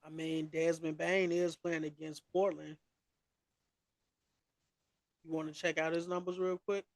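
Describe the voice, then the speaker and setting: Man for a casual sports podcast: high, dry, loose slangy delivery with plenty of trash talk. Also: little pitch movement, unhurried, creaky, no room sound. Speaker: podcast co-host.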